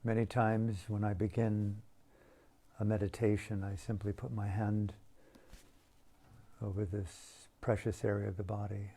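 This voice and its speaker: In a hushed, low, mellow voice, a man teaches a guided meditation at a very slow, deliberate pace. He keeps a level tone, speaking in short phrases broken by long pauses.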